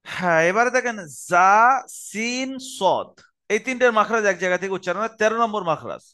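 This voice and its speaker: High, bright-voiced patient male teacher. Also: expressive. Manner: slow, patient, repeats and drills letter sounds. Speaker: Arabic pronunciation teacher. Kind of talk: online Quran-reading lesson. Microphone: group video call.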